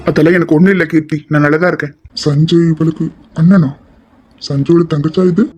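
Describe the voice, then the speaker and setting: A man's voice: fairly high pitch, steady tone, a little fast, darkish tone, breathy edge, soft background music. A young man voicing male college students in an amateur audio drama, with a confrontational, lecturing manner. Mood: heated.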